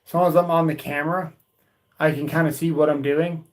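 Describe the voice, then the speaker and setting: In a low-quality recording, a man with a slightly high voice talks a little fast in a flat delivery. He's a tool channel host on YouTube, loosely chatting through a live video, repeating himself and addressing the audience as "guys" and "dude."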